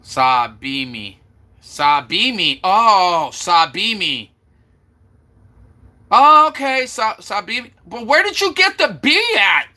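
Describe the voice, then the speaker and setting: A man from Florida hosts a casual live stream, his voice high and very bright. He talks at an unhurried pace, repeating and sounding out viewers' names as he chats. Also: sing-song. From Florida, USA. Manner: chatty, sounds out names from chat again and again.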